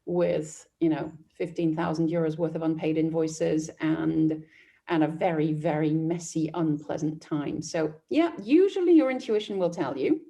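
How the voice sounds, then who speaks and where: A woman hosting a podcast interview, with a lowish, mellow voice. She speaks in a measured, reflective way as she poses questions.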